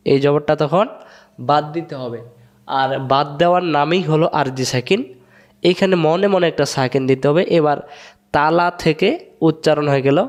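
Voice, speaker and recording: A man's voice: on the high side, smooth. A man teaching a Quran recitation lesson with a Bangladeshi Bengali accent, repeating each rule patiently and asking then answering his own questions while he writes for the camera. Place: room, writing on a board in front of a camera.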